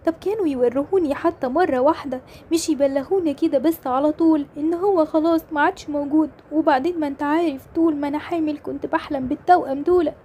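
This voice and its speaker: A woman voices a heartbroken young Egyptian mother in a game drama. The voice is high, quick and mellow. A faint hiss runs underneath. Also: close to an everyday voice. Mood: sad, pleading. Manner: plaintive, tearful pleading. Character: young mother longing for her lost twin.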